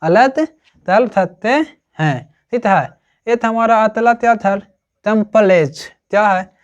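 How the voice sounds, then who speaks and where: Slow-spoken grammar tutor who keeps checking in with the class, on a dull lo-fi recording. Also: mid-range voice, clean tone. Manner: slow, repetitive, checks with "ठीक है ना?" often. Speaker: English grammar teacher. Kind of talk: classroom-style grammar lesson.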